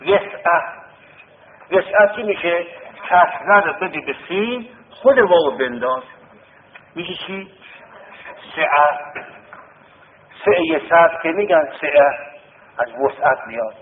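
Male teacher, higher-pitched, drills a class with repeated questions; thin phone-like sound, echoing room. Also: expressive, long pauses, slight background noise. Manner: repetitive, drilling students with questions. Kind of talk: classroom lesson on Arabic word roots. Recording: tinny lo-fi classroom recording with long reverb.

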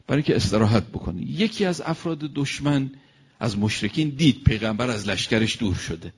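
A man delivering an animated sermon, telling a story and speaking directly to his listeners. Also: creaky, husky. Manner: animated, rises and falls in pitch and loudness. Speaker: preacher.

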